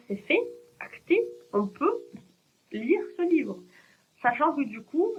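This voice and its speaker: Woman, casual rambling book chat, muffled home recording with light hiss. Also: on the high side. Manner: chatty and rambling, many fillers. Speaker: book vlogger. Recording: dull lo-fi sound with faint hiss.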